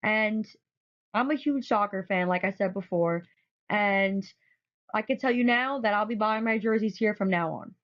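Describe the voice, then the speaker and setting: A woman's voice: mid-range voice, normal speed. A woman narrating a photo presentation, enthusiastic and often repeating words for emphasis. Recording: dull lo-fi recording.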